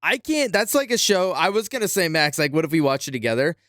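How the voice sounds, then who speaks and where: A man's voice: on the high side, very animated, fast, a bit bright, no echo, clean studio sound. A young man chatting casually while playing a video game, rambling and hesitant, with lots of fillers and swearing. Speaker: gaming streamer.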